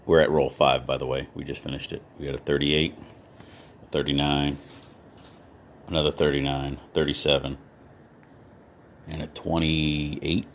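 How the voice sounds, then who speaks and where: A man's voice: a bass voice, little pitch movement, moderate pace, pauses often, a little hiss or hum. A man chatting casually in a hobby vlog as he sorts coins and reads off their dates one after another. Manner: easygoing, talks while sorting, lists coin dates. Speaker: coin collector vlogger.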